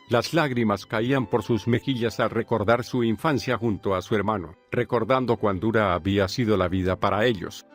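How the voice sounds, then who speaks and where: Man narrating a documentary over music. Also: on the low side. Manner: steady, measured storytelling read. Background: soft background music.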